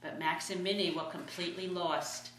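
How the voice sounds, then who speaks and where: A woman's voice: on the low side, steady tone, normal speed, fairly bright tone. A sweet older woman, a grandmother, reading a children's storybook aloud expressively. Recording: echoey room.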